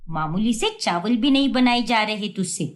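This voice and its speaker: A woman voicing a strict, sarcastic middle-aged mother in an animated story. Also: medium pitch, normal speed, voice pushed down, lightly acted. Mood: scolding. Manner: nagging, sarcastic.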